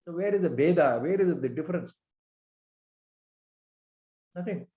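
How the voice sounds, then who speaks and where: A man's voice: fairly high pitch, expressive, measured pace, dark tone. A man with an Indian accent gives a spiritual discourse, reciting Sanskrit verses and asking repeated rhetorical questions. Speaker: spiritual teacher.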